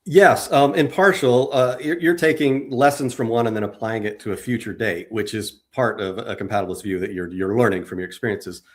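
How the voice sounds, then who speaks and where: A man's voice: fairly low pitch, brisk, few pauses. A man talking as a podcast guest in casual discussion, explaining his ideas in a hesitant way with many stammered restarts.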